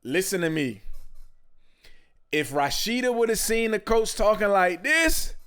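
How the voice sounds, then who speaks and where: A man's voice: sits high, sing-song, measured pace, fairly bright tone, clean tone. A man hosting a podcast, giving blunt, emphatic commentary full of street slang. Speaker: podcast host. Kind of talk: casual commentary.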